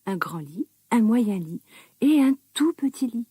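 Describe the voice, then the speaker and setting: A woman narrating a children's story slowly and expressively. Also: on the high side, breathy edge, dry recording. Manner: slow, expressive, lively.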